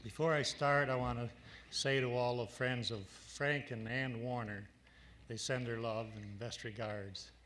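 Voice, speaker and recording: A man's voice: medium pitch, fairly even intonation, fairly bright tone, a little hiss or hum. An older man from upstate New York, a folk singer telling the stories behind his songs with dry humor. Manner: slow, folksy, dry humor. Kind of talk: folk song introductions and stories at a gathering.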